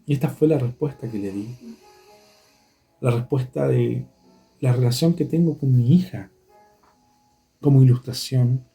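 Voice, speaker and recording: A man's voice: mid-range voice, a little slow, creaky, pauses often, warm tone, faint music behind. A man preaching a sermon as pastor. He speaks earnestly and keeps turning back to address the congregation directly.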